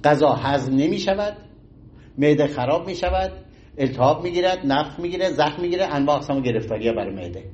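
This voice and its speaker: A middle-aged man giving an informal health talk in an animated, folksy way, acting out little everyday scenes. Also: on the high side, dull audio, slight background noise. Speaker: health lecturer.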